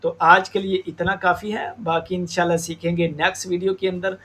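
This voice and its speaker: A man teaching Quran recitation, explaining slowly and stretching out demonstrated sounds. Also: high-pitched, level tone, sharp tone, soft background music. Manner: slow, deliberate explanation with drawn-out demonstrated sounds. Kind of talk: tajweed lesson.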